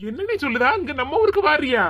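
A performer voicing a good-natured young male office worker in an animated cartoon, speaking with a Kanyakumari Tamil accent in a teasing, pleading manner. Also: high voice, quick pace, lo-fi sound.

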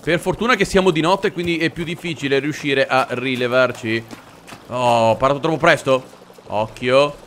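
A man, giving excitable, jokey let's-play commentary as he plays a war game. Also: medium pitch, normal speed, a little hiss or hum. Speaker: gaming commentator. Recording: game gunfire behind.

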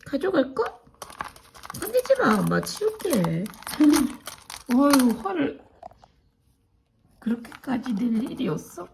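A woman at home talking to her pet parrot in coaxing, teasing baby talk, often hushed or whispered. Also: sits high, very animated, slow pace, gravelly, long pauses, slight background noise.

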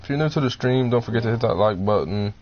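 A man's voice: medium pitch, fast talker, a little mellow. A man streaming a video game, bantering and teasing his friends in casual chat. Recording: muffled lo-fi mic with faint hiss.

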